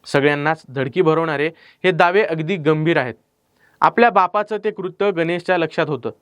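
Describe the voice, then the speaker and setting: A man's voice: on the high side, moderate pace, clean tone, no room sound. A young man with a Marathi accent narrating a crime news report as presenter, with a dramatic storytelling delivery and rhetorical questions. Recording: clean dry studio voice-over.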